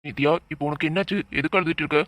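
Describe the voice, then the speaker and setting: Voice actor as a fast-talking scolding cartoon young man. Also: medium pitch, a bit bright, slight background noise, natural voice. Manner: scolding, exasperated. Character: young man, stern, reasoning cousin. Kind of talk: cartoon drama dialogue.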